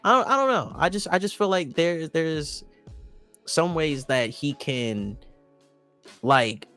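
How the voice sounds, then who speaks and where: A man's voice: a little high, lively intonation, slow pace, fairly bright tone, clean tone, faint music behind. A man co-hosting an anime podcast, talking in a loose, rambling way with lots of restarts and fillers. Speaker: podcast co-host. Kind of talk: casual chat.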